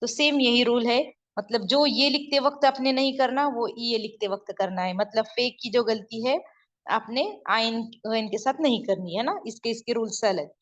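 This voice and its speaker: This online Urdu script teacher speaks at normal speed in a slightly high voice, patiently explaining while she draws letters on a board. She repeats points and frequently makes sure students understand, all in dull lo-fi audio.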